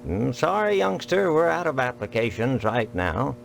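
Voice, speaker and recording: A man's voice: medium pitch, very animated, normal speed, gravelly, a little hiss or hum. An actor playing a stubborn older male small-town postmaster, folksy and patronizing. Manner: folksy, patronizing, rule-bound.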